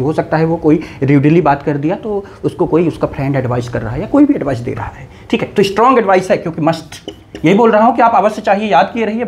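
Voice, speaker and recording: Male teacher, lively swooping intonation, animated explanation, playful mock scolding. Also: fairly high pitch, slight background noise. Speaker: English teacher. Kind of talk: explaining grammar in a video lesson.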